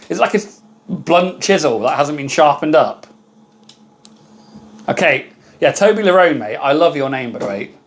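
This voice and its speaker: On a laid-back live stream, a man with a loud voice pitched on the high side chats with viewers and calls out thanks to them by name between tasks at his laser engraver.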